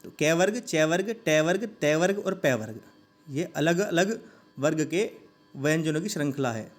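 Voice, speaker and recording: A man teaching a grammar lesson, saying each sound slowly and asking listeners to repeat it. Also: on the high side, animated.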